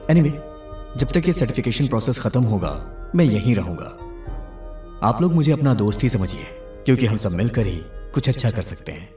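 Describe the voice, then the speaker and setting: An actor dubbing a polite young heir giving a formal speech to a gathering. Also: male voice, medium pitch, very animated, moderate pace, dark tone, roomy sound, far from the mic, faint music behind, close to an everyday voice. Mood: earnest. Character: returning heir, polite school head. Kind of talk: Hindi film dub.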